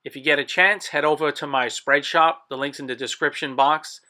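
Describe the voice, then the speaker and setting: Bright-voiced man presenting items. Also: on the high side, steady tone, normal speed. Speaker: blacksmith video host selling tools. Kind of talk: product showcase narration.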